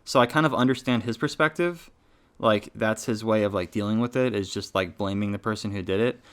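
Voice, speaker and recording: A man's voice: on the low side, fairly quick, a bit bright, smooth. A man co-hosting a podcast, reading a listener email aloud and then answering it in a laid-back way, full of "dude" and "like". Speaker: podcast co-host.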